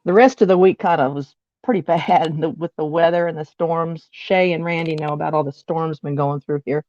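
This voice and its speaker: A woman from Delaware joins a casual video call as a special guest, easygoing and jokey and laughing a lot. Her voice is deep and mellow, with a steady tone at a normal speed. The recording is dry, with the high frequencies cut off.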